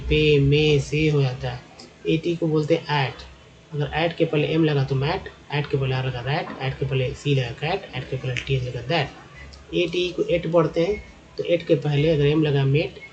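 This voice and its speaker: A man's voice: on the high side, a little mellow, dull audio. A man teaching English phonics over slides, spelling out letter groups and then sounding out example words patiently.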